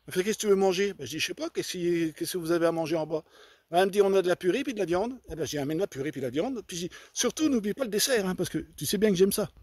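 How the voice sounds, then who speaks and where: This is a man telling his own faith testimony to listeners, earnest and fervent. His voice sits high for a man, and he often stops, restarts and repeats words. The sound is close and dry, with no room around it. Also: lively intonation, rapid-fire, a little mellow, no room sound. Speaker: church member giving a testimony. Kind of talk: personal faith testimony told to an audience.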